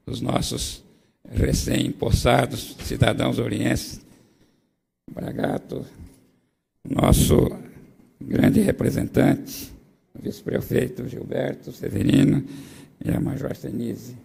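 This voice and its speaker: An older councilman delivers a halting ceremonial address in a hoarse voice. His tone is heavily gravelly and raspy. He trips over words now and then but presses on formally. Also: medium pitch, darkish tone. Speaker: city councilman. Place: council chamber.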